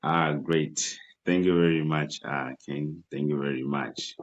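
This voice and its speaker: A young man from Malawi speaks in an extremely low, rumbling voice. He answers interview questions haltingly and fills his pauses with many uhs and ums. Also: steady tone, muffled recording. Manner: halting, many fillers and restarts. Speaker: entrepreneur guest.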